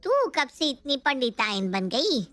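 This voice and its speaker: A gossipy neighbor woman in a cartoon story, voiced by a woman in a high register. She teases her friend freely and chatters about food. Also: lively intonation, a little slow, fairly bright tone, faint music behind. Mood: teasing. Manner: teasing, gossipy. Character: chatty greedy middle-aged woman neighbor.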